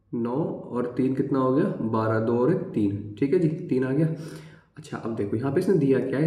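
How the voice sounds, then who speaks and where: A man's voice: mid-range voice, warm tone, echoey room. A man teaching an exam-prep maths lesson in a conversational way, counting digits aloud and checking in with his students constantly.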